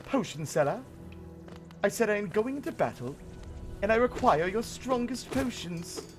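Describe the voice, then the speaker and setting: Pompous fantasy knight played by a man, high-pitched, proud and declamatory, game parody, music behind. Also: big pitch swings, normal speed. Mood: haughty, demanding. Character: pompous, demanding male knight buying potions.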